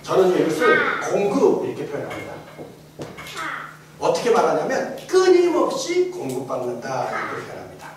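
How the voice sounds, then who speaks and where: High-pitched joking pastor in echoing hall. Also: male voice, a little hiss or hum. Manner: jokey, quizzes the congregation, laughs often; builds to emphatic shouted refrains. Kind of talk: interactive sermon teaching. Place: large church hall with congregation. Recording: echoey hall, distant mic, congregation audible.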